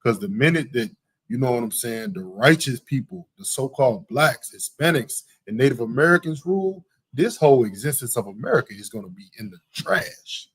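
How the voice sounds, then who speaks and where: A man's voice: medium pitch, expressive, a little fast, fairly bright tone, slightly rough, no room sound. A man hosting a live talk show, giving heated, preachy religious commentary with emphatic repetition. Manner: emphatic, preachy, repeats "you know what I'm saying". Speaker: podcast host.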